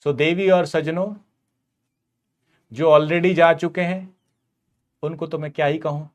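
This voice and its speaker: A man's voice: a little high, steady tone, takes it slowly. Chatty, teasing male chemistry teacher. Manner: chatty and teasing, addresses students as buddies; explains with everyday stories. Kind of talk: casual live online class.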